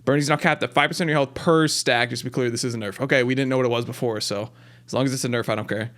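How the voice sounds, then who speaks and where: Close to a desk mic, a man hosting a gaming video casually reads patch notes aloud, adding excited, wry commentary as he goes. His voice is medium-pitched and his pace is racing.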